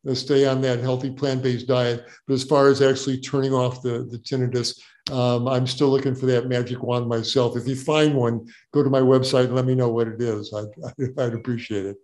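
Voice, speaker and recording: Older male doctor, folksy and joking, relaxed Q&A advice. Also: mid-range voice, normal speed. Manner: folksy, joking, repeats words as he explains. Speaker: doctor answering audience questions. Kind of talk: casual Q&A advice.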